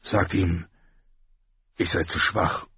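A man voicing a wounded, weary lord, speaking weakly and quietly. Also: sits low, fairly even intonation, slow, creaky, slightly rough, no room sound, muffled recording, heavily acted.

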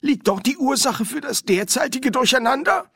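A man's voice: very high-pitched, expressive, normal speed, creaky, bright, forceful tone, husky, no room sound, clean studio sound, pitched above the performer's own voice, full character voice. A man voicing a nervous, curious old male wizard who asks eager questions.

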